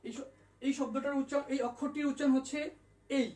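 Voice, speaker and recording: A man's voice: very high-pitched, level tone, quick pace, a little mellow. A man teaching an online language lesson, patiently repeating and spelling out each letter sound. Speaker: English tutor. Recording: echoey room, mic at a distance.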